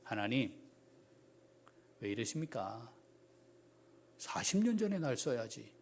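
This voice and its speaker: A man acting out an eighty-year-old Moses complaining to God in a soft, pleading voice, inside a sermon. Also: sits high, very animated, slow pace, a little hiss or hum, pitched above the performer's own voice, heavily acted. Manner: complaining, pleading, softer than his preaching.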